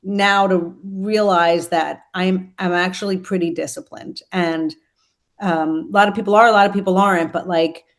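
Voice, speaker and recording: A woman's voice: fairly low pitch, fairly even intonation, moderate pace. A woman in her fifties, a podcast guest, chatting casually in a rambling way with lots of fillers. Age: 50s. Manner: rambling, many fillers and restarts. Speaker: podcast guest, food company founder. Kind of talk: casual chat.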